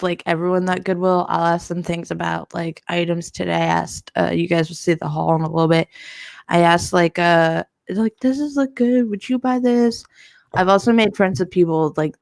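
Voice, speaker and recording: A woman's voice: lowish voice, moderate pace, gravelly, dry recording, clean studio sound. A woman co-hosting a live podcast, telling rambling stories in casual chat and laughing often. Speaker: podcast co-host.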